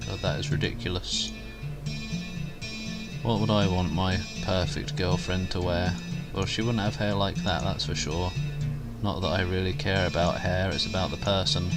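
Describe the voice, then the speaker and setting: A man giving casual, rambling commentary as a video host, grumbling and poking fun at himself with mild swearing. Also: low-pitched. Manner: self-mocking, grumbling, mildly sweary.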